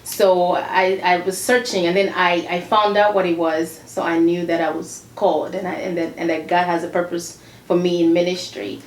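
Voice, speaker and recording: A woman's voice: on the low side, flat delivery, normal speed. A woman who was born in Congo DR and grew up in Zambia, a gospel singer giving a casual interview, earnest, repeating herself and laughing often. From Congo DR, raised in Zambia. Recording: echoey room with faint noise.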